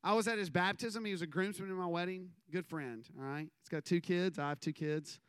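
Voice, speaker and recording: A man in his thirties delivers a conversational sermon, wandering through stories and poking fun at himself. His voice sits a little high and sounds smooth and clear. The recording is dry and close, with no room sound around him. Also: brisk, a bit bright, dry recording. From American South. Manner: rambling storytelling with self-deprecating asides. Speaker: minister.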